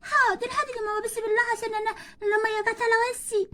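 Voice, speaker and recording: A woman's voice: extremely high pitch, fairly even intonation, very fast, pushed and bright. A woman with an Egyptian Arabic accent voicing little whiny doll daughters in a toy role-play story. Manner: whiny, pleading.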